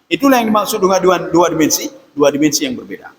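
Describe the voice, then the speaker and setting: Male preacher, Acehnese-tinged Indonesian, high voice, lecture in a reverberant hall. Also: sing-song. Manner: addresses listeners as "Pak", recites Arabic prayers in slow chant. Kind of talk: religious lecture.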